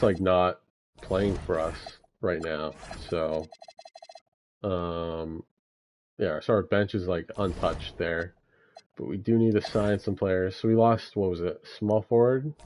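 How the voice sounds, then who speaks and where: A gaming YouTuber gives laid-back commentary while managing a basketball franchise, thinking aloud with plenty of fillers. His voice is low and a little mellow, with slight hiss or hum in the audio.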